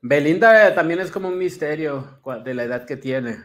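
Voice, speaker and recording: A man co-hosting a casual gossip chat, asking questions and adding quick quips. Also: on the high side, lively intonation, fairly bright tone. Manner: conversational, quips and asks questions. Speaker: co-host.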